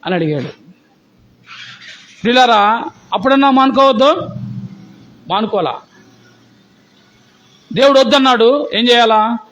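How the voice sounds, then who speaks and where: A man's voice: very high voice, expressive, unhurried, pauses often, a bit bright, muffled recording. A male pastor preaching a sermon, telling stories and firing rhetorical questions at the congregation in an emphatic, exhorting way. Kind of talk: sermon storytelling.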